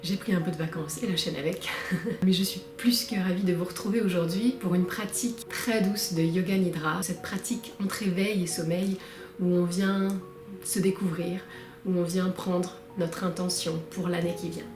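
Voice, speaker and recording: A woman's voice: on the low side, steady tone, moderate pace. A woman yoga teacher greeting her viewers in a casual, affectionate video intro. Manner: warm, affectionate address to viewers. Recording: echoey room with loud music.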